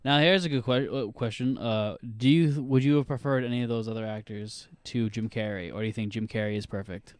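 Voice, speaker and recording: A man hosts a casual podcast, rambling with plenty of uhs as he works through lists of names. His voice is smooth and clear at a middle pitch. The sound is dry and close. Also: brisk, hardly any pauses, no echo. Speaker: podcast host. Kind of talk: casual chat.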